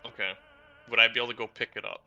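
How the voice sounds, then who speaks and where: Bright-toned young man playing. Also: mid-range voice, level tone, racing, highs cut off, faint music behind. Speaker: player. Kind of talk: casual tabletop play.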